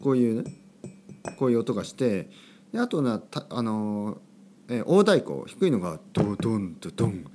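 A man's voice: mid-range voice, sing-song, moderate pace, pauses often, warm tone, faint music behind. A man hosting a podcast for language learners, talking in a playful, jokey way and exaggerating for fun. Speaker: podcast host teaching Japanese.

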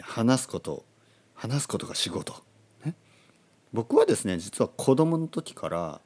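A man hosting a casual podcast monologue for learners, speaking slowly and clearly, repeating himself and explaining words simply. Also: fairly low pitch. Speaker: podcast host for Japanese learners.

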